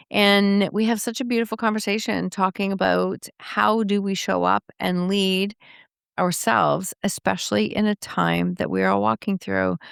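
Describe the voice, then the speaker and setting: A woman's voice: mid-range voice, creaky, smooth, dry recording, clean studio sound. A woman hosting a podcast, introducing her guest and interviewing him with effusive enthusiasm. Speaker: podcast host.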